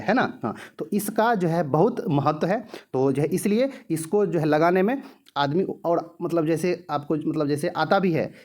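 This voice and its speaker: A man teaching grammar for an exam-prep class, his voice sitting somewhat high. He peppers his talk with filler phrases, asks questions and answers them himself, and slows to repeat his examples. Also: a little mellow. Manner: heavy use of filler "jo hai", rhetorical questions answered himself; repeats example sentences slowly.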